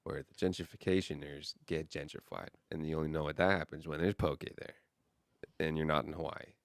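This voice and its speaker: A man co-hosting a podcast in casual chat, making dry, deadpan quips. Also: very deep voice, a little fast, dry recording. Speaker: podcast co-host.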